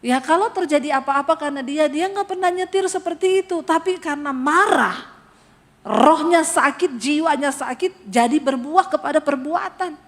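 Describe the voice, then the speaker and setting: A woman pastor preaching a sermon, telling a story with lively acted-out voices and calling out to the congregation. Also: high-pitched, normal speed, in a large hall. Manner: animated storytelling, acting out voices, addressing congregation as brothers.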